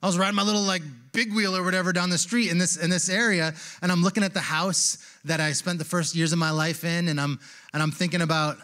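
Brief: man in his forties, pastor, conversational sermon storyteller, a bit high-voiced, handheld mic on a big stage. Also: steady tone, fast talker. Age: 40s. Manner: conversational storytelling, turns hushed and reflective. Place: large church stage.

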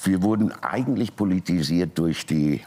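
An older man, a talk show guest, telling a personal family story and acting out the people he quotes. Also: moderate pace. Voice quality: very deep, gravelly and husky. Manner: animated retelling, voicing quoted people.

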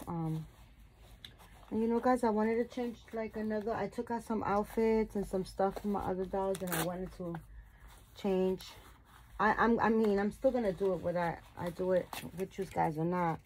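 A woman's voice: medium pitch, moderate pace, a little mellow, a little hiss or hum. Rambling, gushing woman vlogger. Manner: rambling, lots of "like" and restarts; gushing, affectionate. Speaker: doll collector vlogger. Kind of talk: casual chat to viewers.

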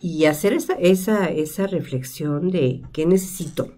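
A middle-aged woman with a low, mellow voice talks through ideas at a studio desk mic. She speaks in a reflective way and strings together rhetorical questions. The sound is close and clear. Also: moderate pace, soft background music. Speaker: psychologist guest. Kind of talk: conversational explanation. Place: studio with stone wall, seated at table. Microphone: desk microphone.

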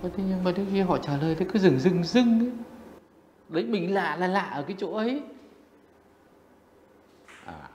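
A man's voice: sits high, animated, moderate pace, long pauses, a little mellow, lo-fi sound, slight background noise. An actor playing a worried older grandfather, who stammers and repeats words when he gets flustered. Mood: pondering. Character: worried, fretful older family man. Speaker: grandfather in a TV drama. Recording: roomy set with music behind.

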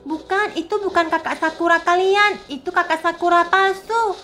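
A woman's voice: extremely high pitch, steady tone, normal speed, bright, forceful tone, slight background noise. A woman voicing a bossy teenage girl in a game role-play, who protects and directs the younger kids.

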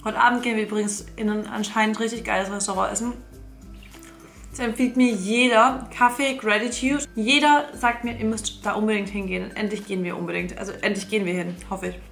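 A woman's voice: mid-range voice, steady tone, a little fast, gravelly, fairly bright tone, soft background music. A young woman vlogging casually to a handheld camera in an informal, chatty way, mixing in English slang. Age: young adult. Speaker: travel and food vlogger. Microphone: handheld camera at arm's length.

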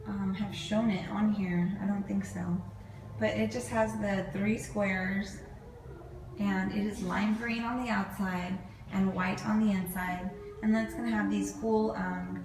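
A woman's voice: medium pitch, distant mic. Chatty woman in an echoey empty house. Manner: chatty, upbeat, pointing things out. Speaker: vlogger giving a house tour. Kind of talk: casual home tour narration. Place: unfinished house, indoors. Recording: echoey empty house, loud room noise.

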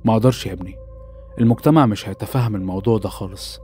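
A man's voice: fairly low pitch, racing, mellow, soft background music, natural voice. A man as a stern, secretive father. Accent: Egyptian Arabic. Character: stern middle-aged father, secretive and firm.

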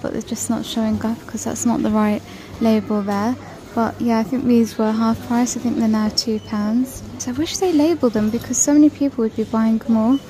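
A UK shopping vlogger with a slightly high voice does a casual shop-with-me narration in a large store aisle, reading out prices as she browses. She records on a handheld phone camera against a noisy background.

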